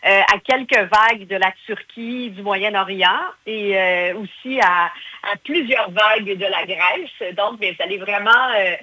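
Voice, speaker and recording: A woman's voice: mid-range voice, unhurried, bright, forceful tone, no echo, poor audio. A woman with a Québécois French accent, a guest in a casual interview, talking in a chatty way with many hesitations.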